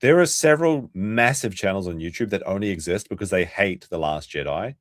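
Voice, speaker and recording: A young New Zealand man hosts a livestream, reacting for his chat in a crude, rambling way, often restarting and talking straight to viewers. His voice is low-pitched and animated, a little fast, and the recording is dry with studio quality.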